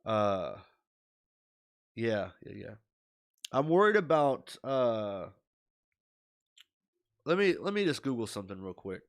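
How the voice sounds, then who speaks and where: Talking slowly with long pauses, this young man has a medium-pitched, sing-song voice roughened by illness: nasal congestion and a scratchy tone. He's a streamer recording a relaxed video diary on his desk webcam, rambling nervously with plenty of fillers.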